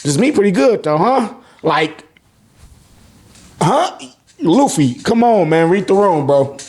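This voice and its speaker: A manga review channel host with a high, sing-song, slightly mellow voice recaps a chapter at a slow pace. His casual, animated commentary is full of profane slang, acted-out reactions, and words repeated in bursts.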